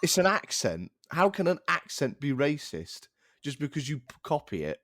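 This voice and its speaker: A man's voice: on the high side, very animated, moderate pace, fairly bright tone, no echo, clean studio sound. A young man co-hosting a casual podcast, ranting in exasperation and restarting his sentences. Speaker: podcast co-host.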